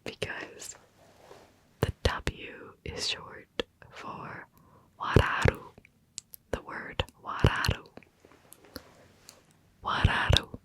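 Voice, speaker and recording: A woman whispers ASMR right in your ear, captured on a close binaural microphone. Her delivery is slow and breath-only, and she lingers on words, often saying them again. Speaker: ASMR video host.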